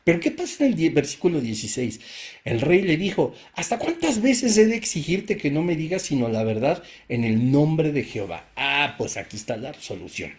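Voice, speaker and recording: At normal speed, a fairly high, sing-song voice with a Mexican accent reads Bible verses aloud and explains them with rhetorical questions. The man teaches casually, often repeating himself and starting phrases over.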